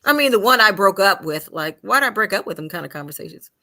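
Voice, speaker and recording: Woman host, bright and lively, laughs easily, casual video-call chat. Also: medium pitch, quick pace. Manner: laughs often, playful.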